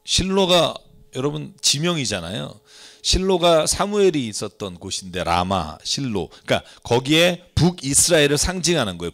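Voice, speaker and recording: A man's voice: medium pitch, fairly bright tone. A male pastor teaching from the Bible in a sermon, often turning to the congregation with questions. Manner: engaging, asks the congregation questions.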